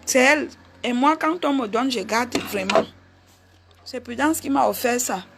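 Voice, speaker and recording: A middle-aged woman with a Cameroonian accent talks straight to her viewers in an animated, chatty vlog. Her voice sits high, with a gravelly rasp in it. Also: unhurried, noisy background. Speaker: vlogger. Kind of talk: casual live chat with viewers.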